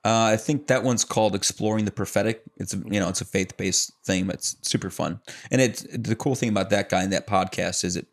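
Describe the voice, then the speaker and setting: A young adult man from the Chicago area, an actor and producer telling his story as a podcast guest in relaxed, rambling chat full of fillers. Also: on the low side, brisk, hardly any pauses. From Chicago area, United States. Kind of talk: casual conversational storytelling.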